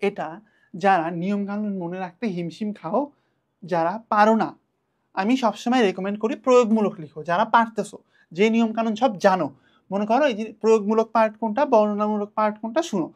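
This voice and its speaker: Young male tutor; quick, repetitive, student-facing revision lesson. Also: sits high, steady tone. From Bangladesh. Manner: chatty, addresses students directly, repeats points. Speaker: exam tutor.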